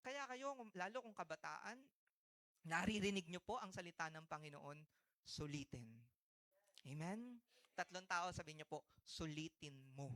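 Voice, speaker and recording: Man, thirties, Filipino accent, pastor, sermon, call-and-response, bright voice. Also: high-pitched, normal speed, long pauses. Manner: preaches in Tagalog mixed with English, with call-and-response to the congregation. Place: church sanctuary.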